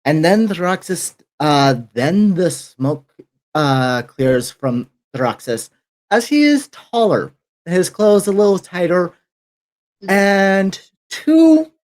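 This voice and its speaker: A man's voice: high-pitched, very animated, slow. A man narrating as dungeon master in a tabletop role-playing game, with hesitant fillers.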